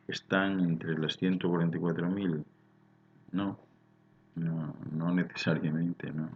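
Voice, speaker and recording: A man with a Spain Spanish accent hosting a live spiritual talk, reading out viewers' chat questions and answering them in a calm, explanatory way, often ending points with a questioning tag. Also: deep voice, breathy edge, dull audio.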